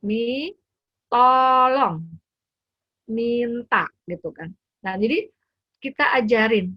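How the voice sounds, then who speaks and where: A woman's voice: on the high side, no room sound, dull audio. A woman, a parent, giving an informal webinar talk from home, chatty with many fillers and acted quotes of parent and child. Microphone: computer mic on a video call.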